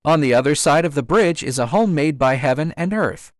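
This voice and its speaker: A bold young stone monkey, proud and joyful, crying out his words to the troop, as a male reader puts him on. The voice swings lively in pitch and sits a little high. It is recorded dry, with no room around it. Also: a little fast, no room sound, natural voice. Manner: exclaims in repeated short cries.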